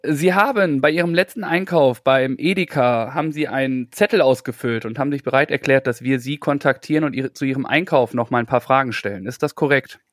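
A man's voice: medium pitch, fairly quick, few pauses, no echo, studio quality, close to an everyday voice. A man playing a mock-earnest tenant or surveyor in an improvised comic phone role-play, formal, polite and a little hesitant. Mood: officious.

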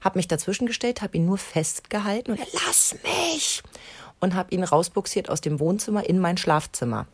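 A German-accented woman hosting a parenting podcast, telling a family story in a relaxed way. Her voice sits on the low side and is recorded dry and close to the mic. She acts out the dialogue as she retells it. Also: fairly quick, few pauses, no echo. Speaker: podcast host, mother. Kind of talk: casual storytelling chat.

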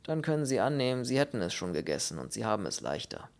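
A man reading the lines of a calm, ironic fellow prisoner in a dry, sardonic manner. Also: fairly low pitch, fast, gravelly.

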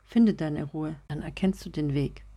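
A woman reading a story aloud, voicing a calm, soft-spoken young man who speaks earnestly about finding inner peace. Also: low voice, unhurried, breathy edge. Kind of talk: audiobook reading.

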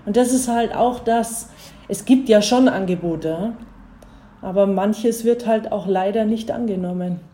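A woman's voice: mid-range voice, a little slow, warm tone. A woman interviewing a guest, with a supportive and affirming manner. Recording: roomy echo.

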